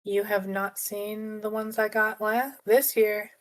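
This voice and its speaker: A woman co-hosting a podcast in casual chat, relaxed and teasing with her partner. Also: medium pitch, slow pace. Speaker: podcast co-host.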